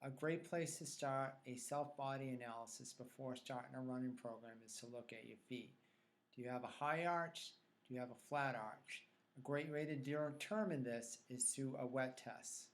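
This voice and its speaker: A man's voice: mid-range voice, moderate pace. Man giving step-by-step fitness instruction. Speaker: fitness trainer presenting a tutorial. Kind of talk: instructional explanation of self-tests.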